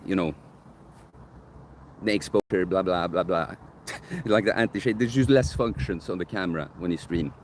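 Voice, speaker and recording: A young man with a deep bass voice, a coach, livestreams a casual Q&A outdoors in a park near sunset, answering viewer questions. He rambles and corrects himself as he thinks aloud, recorded on the phone camera he holds, with slight background noise.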